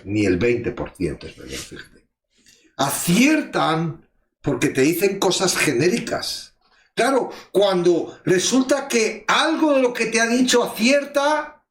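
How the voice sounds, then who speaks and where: Animated preacher in an echoey room. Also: male voice, high-pitched. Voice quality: animated storytelling, acts out voices. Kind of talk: casual Bible study talk.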